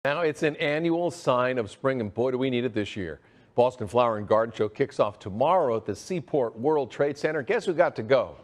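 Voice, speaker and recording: A man's voice: medium pitch, a little fast. A man anchoring a television newscast with scripted introductions. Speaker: TV news anchor.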